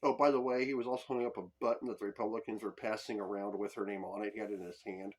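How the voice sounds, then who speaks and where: Husky man ranting on a political podcast. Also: fairly low pitch, fairly even intonation, racing, a little mellow. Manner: heated, profane ranting. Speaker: podcast host. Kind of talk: political commentary monologue.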